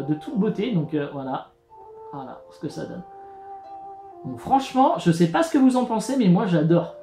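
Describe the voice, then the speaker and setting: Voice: mid-range voice, warm tone. A YouTube host in a casual unboxing vlog, chatty and hesitant, with many fillers and restarts, narrating each step while handling the box. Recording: echoey room with faint music.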